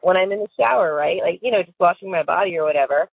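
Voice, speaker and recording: A woman's voice: on the low side, fast talker, gravelly, breathy edge, no room sound. A woman chatting on a recorded prison phone call, giggly and full of fillers like "like". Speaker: caller to an inmate. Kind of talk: casual phone chat. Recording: tinny, dry phone line.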